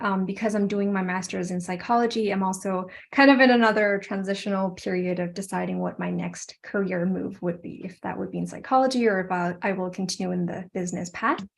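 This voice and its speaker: A woman speaking on an online panel over a video call, measured and thoughtful. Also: medium pitch, creaky. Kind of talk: casual online panel talk.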